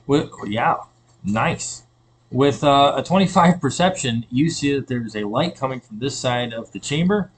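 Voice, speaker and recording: A man's voice: medium pitch, lively intonation, a little slow, husky. Man running a tabletop game. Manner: descriptive, with fillers and self-corrections. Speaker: dungeon master. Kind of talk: narrating an online tabletop game.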